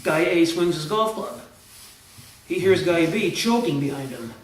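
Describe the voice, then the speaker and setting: A man rambles through a movie scene and a couple of jokes, restarting his sentences as he goes. His voice sits a little high. He sounds far from the mic in an echoey room, with a faint hiss underneath. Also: expressive, measured pace. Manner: rambling storyteller with restarts, acts out quoted lines. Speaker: co-host. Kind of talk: casual chat, retelling movie scenes and jokes.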